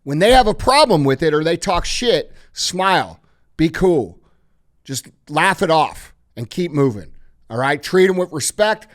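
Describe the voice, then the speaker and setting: A man's voice: fairly high pitch, big pitch swings, measured pace. A man hosting a podcast, giving blunt, emphatic motivational advice with heavy swearing. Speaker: podcast host.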